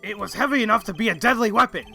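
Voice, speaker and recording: Man playing bumbling detective, game dub, high gravelly voice, swooping delivery, deferential, eager, music underneath. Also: animated, racing, pushed and bright, exaggerated voice. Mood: eager, dutiful. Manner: deferential, blustering, ending sentences with "sir". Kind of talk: game fandub character acting.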